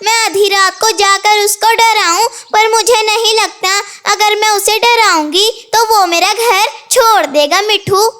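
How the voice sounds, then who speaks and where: Gentle cartoon sparrow girl, voiced by a woman, very high bright voice, slow and plaintive. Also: full character voice. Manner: pleading, plaintive. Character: sad young female sparrow, gentle.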